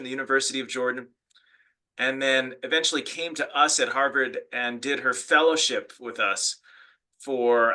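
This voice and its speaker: A middle-aged American man, an academic, gives an online lecture in a mid-range voice that sounds pushed and bright. He tells stories earnestly, filling them with fillers and restarting sentences.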